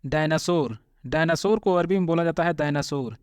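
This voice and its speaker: A young man teaching a vocabulary lesson, saying each word, repeating it slowly and clearly, then giving its meaning. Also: on the high side, no room sound. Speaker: language teacher.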